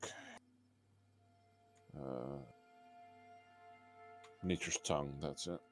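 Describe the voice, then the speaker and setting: Slow, halting male tabletop player. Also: rumbling low, faint music behind. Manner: halting, gropes for words. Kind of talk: casual in-character play description.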